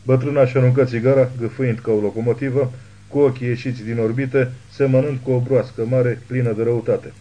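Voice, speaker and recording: A man reading a thriller novel aloud as an audiobook narrator, in steady scripted narration. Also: medium pitch, muffled recording.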